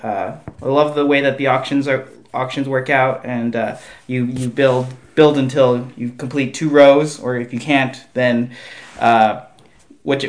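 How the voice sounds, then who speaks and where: A man chatting casually as a podcast guest in a hesitant, rambling way. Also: mid-range voice. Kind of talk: casual chat about board games.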